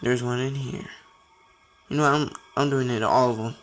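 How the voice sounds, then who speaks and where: A man's voice: mid-range voice, fairly even intonation, brisk, a bit bright, faint music behind. A young man giving let's play commentary, talking to himself and getting frustrated as he goes. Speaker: gamer.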